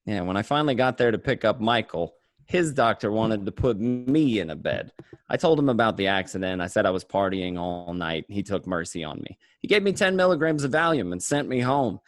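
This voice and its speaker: In a radio play, a man voices a paranoid, streetwise gangster recounting his day in the first person, coarse and conversational and matter-of-fact. His low, animated voice moves fairly quickly, and the studio-quality recording has no room sound and a natural delivery.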